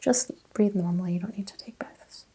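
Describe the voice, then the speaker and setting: A woman whispering softly and calmly as a doctor in an ASMR roleplay exam, giving gentle clinical instructions close to the mic. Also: medium pitch, fairly quick, husky. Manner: soft, calm, clinical bedside whisper.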